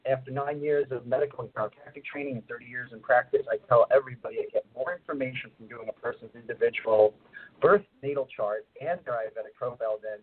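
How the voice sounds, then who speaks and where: A man's voice: medium pitch, fairly even intonation. Middle-aged man on a muffled tube-like phone line. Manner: rambling, unhurried explaining with many fillers. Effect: muffled distant phone line, as if talking through a long tube. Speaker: radio co-host and astrologer. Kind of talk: phone-in radio talk.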